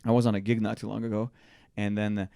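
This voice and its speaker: A young adult man, a comedian co-hosting a podcast, telling stories in animated casual banter with frequent laughs. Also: fairly low pitch, fast talker, gravelly, clear, resonant tone, dry recording, clean studio sound.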